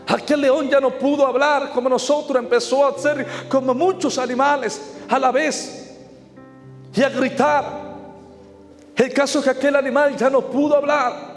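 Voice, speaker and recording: Male evangelist with a Mexican Spanish accent, very high voice, intense sermon delivery over soft music. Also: steady tone, unhurried. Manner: impassioned preaching, quoting voices in his story. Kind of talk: sermon testimony. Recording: hall reverb, faint music behind.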